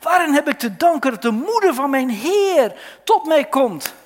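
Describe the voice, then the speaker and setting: Brief: a preacher doing an elated elderly woman crying out blessings, high and loud, long reverb. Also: sing-song, moderate pace. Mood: awestruck. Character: joyful elderly pregnant woman, awestruck.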